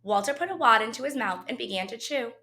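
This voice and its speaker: Reading a children's picture book aloud the way a teacher might, a woman tells the story expressively. Her voice sits a little high and moves at a fast clip.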